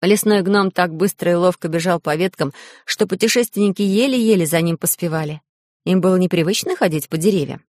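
A woman narrating a children's audiobook in a lively, expressive way. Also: fairly low pitch, brisk, no echo, studio quality.

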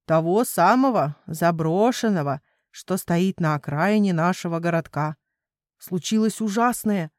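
A woman's voice: on the low side, a little slow, no room sound, clean studio sound, lightly acted. A woman voicing a teasing father raccoon who tells spooky tales in a mysterious voice in a children's storybook.

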